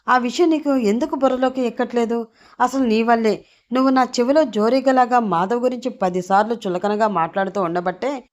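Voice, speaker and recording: A woman's voice: fairly high pitch, pitched above the performer's own voice, lightly acted. Woman doing a firm exasperated father.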